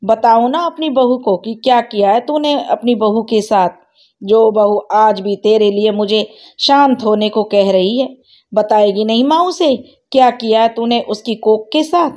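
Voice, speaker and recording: Read-aloud story: woman voicing a furious young husband, loud and accusing. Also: fairly high pitch, close to an everyday voice. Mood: angry. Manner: shouting, accusing, fast bursts. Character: furious grieving young husband, son confronting mother.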